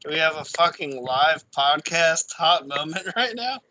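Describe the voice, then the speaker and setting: Bright, joking man trading trash talk. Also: fairly high pitch, lively intonation, a little slow, low-quality recording. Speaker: podcast co-host. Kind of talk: casual chat.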